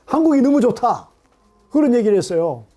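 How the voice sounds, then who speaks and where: A middle-aged man preaching a sermon to a congregation in an animated way, often asking them questions. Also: very high-pitched, a little fast. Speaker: pastor. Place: church hall.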